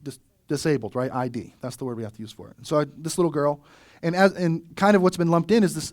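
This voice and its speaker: A man preaching a sermon as pastor, telling stories in a conversational, animated way and often asking "right?". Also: fairly high pitch, no room sound, clean studio sound.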